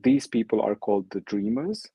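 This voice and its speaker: His voice is lowish, dark and slightly rough, with a sing-song lilt at a normal speed and no echo. The man, whose first language is Arabic, is a guest speaker giving an online talk with slides about his art project, full of ums and restarts. The recording is dry, dull lo-fi.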